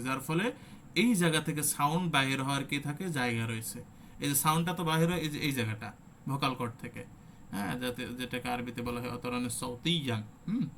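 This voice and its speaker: Step by step, with sample letters sounded out and rhetorical questions to check his listeners, a man leads an online Quran recitation class. He has a medium-pitched, slightly bright voice, and a little hiss or hum is audible.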